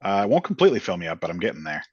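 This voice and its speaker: A man's voice: low-pitched, big pitch swings, rapid-fire, breathy edge, no room sound. A man chatting casually as a player in a tabletop game. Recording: dull, lo-fi voice track.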